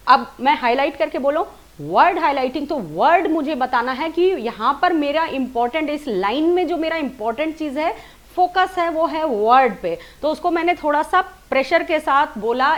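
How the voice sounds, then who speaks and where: A woman with a high voice teaches presentation skills. She explains each point step by step and stops to demonstrate sample lines, leaning hard on the key words. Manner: demonstrates lines with stressed words and slow, measured delivery. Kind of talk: spoken lesson on presenting.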